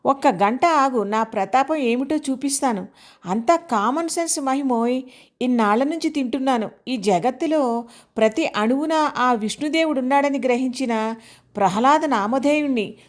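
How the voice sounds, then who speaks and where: A man's voice: very high-pitched, moderate pace. A woman voicing a cheerful, teasing older husband in an audio story. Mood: playful. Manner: jovial, teasing.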